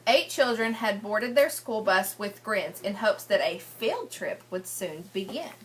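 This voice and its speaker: In this interactive read-aloud, a woman teacher shares a picture book with young children, questioning them, explaining, and echoing what they say. She speaks in a mid-range, expressive, slightly bright voice at a measured pace, with slight background noise.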